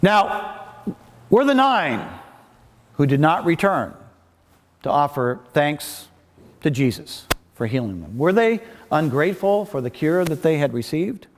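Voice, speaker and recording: A man delivering a sermon as a preacher, in a measured, pausing manner with hesitant restarts. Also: a little high, very animated, a little hiss or hum. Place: large reverberant worship space. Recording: long reverb of a large hall.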